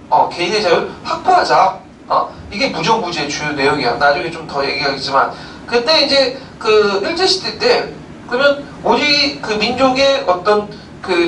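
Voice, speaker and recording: A man with a high, slightly bright voice gives a recorded history lecture, explaining through rhetorical questions and plenty of filler sounds. The mic is distant in a roomy space, with faint background noise.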